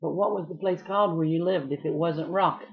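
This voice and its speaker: A woman's voice: fairly low pitch, brisk. Older-ish woman asking family questions, casual, dull lo-fi tape. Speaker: family interviewer. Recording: dull lo-fi home recording.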